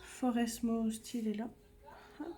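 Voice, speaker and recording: Craft host: woman, fairly high voice, slow and mellow, chatty and self-muttering. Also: little pitch movement, slight background noise. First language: French. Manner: chatty, muttering to herself while searching. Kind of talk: casual craft demonstration.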